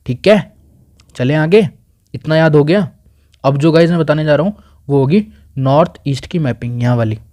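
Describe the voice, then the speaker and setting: A young man teaches at a whiteboard with a mellow, dark voice. He drills place names again and again and keeps prodding his students to repeat them aloud. His delivery is informal and coaxing. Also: mid-range voice. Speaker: exam coaching teacher. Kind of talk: whiteboard lesson. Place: indoors at a whiteboard.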